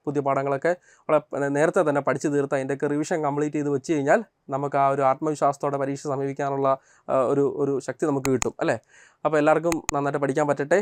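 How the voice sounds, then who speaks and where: A man's voice: a little high, clear, resonant tone, dry recording. A young man teaching an exam prep lesson. He repeats each question and answer and checks in with his students.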